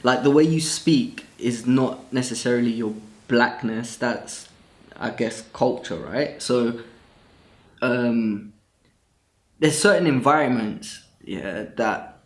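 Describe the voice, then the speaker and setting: A man speaking in an interview, measured and hesitant, with many fillers. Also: mid-range voice. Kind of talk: interview talk. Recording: echoey room.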